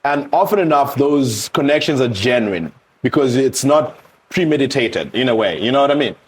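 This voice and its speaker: A man's voice: mid-range voice, moderate pace, slight background noise. A man in his thirties from Eswatini, a guest in a candid interview, talking openly and animatedly about himself with many asides. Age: 30s. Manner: animated storyteller who voices others' reactions in asides.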